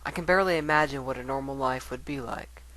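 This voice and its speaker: A man's voice: mid-range voice, quick pace, fairly bright tone, close to an everyday voice, rough recording. A man voicing an earnest, bookish female unicorn scholar in an articulate, reflective dramatic reading of a letter. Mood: earnest, fond.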